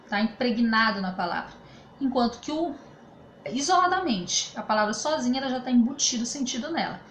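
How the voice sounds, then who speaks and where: A Brazilian woman with a fairly high voice teaches grammar from home, patient and explanatory, often pausing to check that her students follow. Her voice bounces around a roomy space, with a faint hum of ambient noise behind her. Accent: Brazilian Portuguese. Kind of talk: remote grammar lesson. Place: home room during quarantine.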